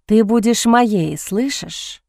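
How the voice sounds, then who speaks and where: A woman voicing a cold, cynical aristocratic man in an audiobook, speaking low in a husky, mocking whisper. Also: slow pace, mellow, no room sound, clean studio sound.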